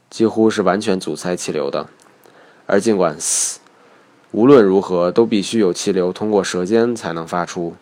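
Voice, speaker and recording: Low-voiced guy reading out a pronunciation lesson, slow and careful. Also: a little mellow. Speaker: English pronunciation teacher. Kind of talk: scripted lesson narration.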